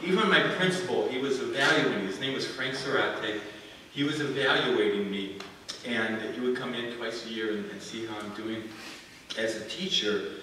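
A man's voice: medium pitch, normal speed, bright, forceful tone, a little hiss or hum. Older man preaching in an echoey church. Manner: storytelling, folksy, with restarts. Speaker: guest preacher. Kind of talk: sermon. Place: church sanctuary. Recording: distant echoey church hall.

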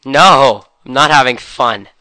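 A young man with a cold, chatting excitedly through a game session. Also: mid-range voice, takes it slowly, no room sound. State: has a cold. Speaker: gamer. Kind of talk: casual game commentary.

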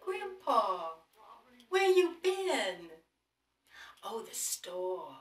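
An actress playing a forgetful, wistful older grandmother in a horror-comedy film, talking in a dreamy, drawn-out way. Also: on the high side, very animated, far from the mic, exaggerated voice. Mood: nostalgic. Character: forgetful, wistful grandmother missing her husband. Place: living room, indoors.

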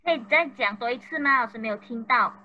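Speaking fast in a slightly high voice, this woman comes through dull audio over a video call. Her online primary school lesson is in Malaysian Mandarin mixed with Malay and English words, and she coaxes and encourages the pupils throughout.

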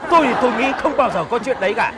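A man's voice: extremely high pitch, animated, racing, a crowd in the background, noisy background. A man playing a self-important old village man who scolds and lectures with proverbs. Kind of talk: comedy sketch acting.

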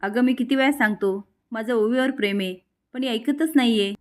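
A woman's voice: on the high side, moderate pace, lightly acted. A woman reading the lines of an angry young man who pleads with and defies his family. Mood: indignant. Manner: pleading, indignant.

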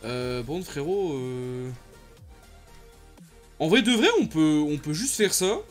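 A young man, giving casual commentary over his own gameplay and reacting loudly to what happens on screen. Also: fairly high pitch, takes it slowly. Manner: excitable, slangy, reacts loudly to the game. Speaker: gaming YouTuber. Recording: faint music behind.

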